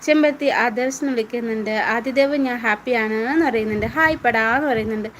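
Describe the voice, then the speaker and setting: A woman's voice: fairly high pitch, fairly quick, a bit bright, a little hiss or hum, low-quality recording. A woman hosting a casual live stream at home, reading viewer comments aloud and answering each viewer by name in a chatty way.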